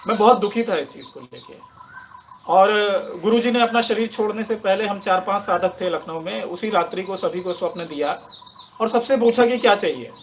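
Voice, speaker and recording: A man with a slightly raised pitch shares a spiritual testimony in a slow, pausing, reflective way. He is moved to tears at times. Faint birdsong runs behind him outdoors. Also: a little hiss or hum. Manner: slow, reflective and emotional, with many pauses and fillers. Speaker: meditation teacher.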